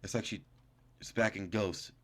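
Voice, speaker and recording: This man's voice sits on the low side, with fairly even intonation and a normal speed. Reading game text as a gaming YouTuber, he trips over words, fixes them, and reacts casually.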